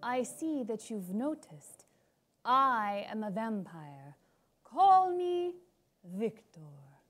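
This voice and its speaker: A woman voicing a slow, deep-spoken vampire. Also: very animated, faint music behind, full character voice. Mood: menacing. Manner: slow, drawn-out delivery. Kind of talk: storybook narration.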